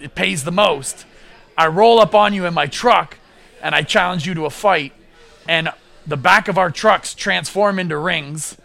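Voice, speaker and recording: A man guesting on a podcast, talking in an excited rush with plenty of swearing and quick restarts. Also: high-pitched, creaky. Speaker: podcast guest, comic book creator. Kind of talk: casual podcast chat.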